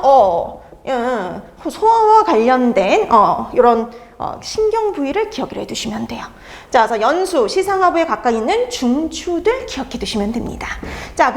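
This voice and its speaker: Woman lecturer, high lively voice, exam-prep lesson, asks and answers her own questions. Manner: asks students questions and answers them herself; repeats key terms for emphasis.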